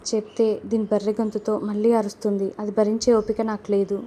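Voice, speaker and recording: A woman's voice: medium pitch, level tone, fairly quick, mellow, slight background noise, lightly acted. A woman reading the lines of a curt, irritable bedridden young man in a story recap. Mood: irritated.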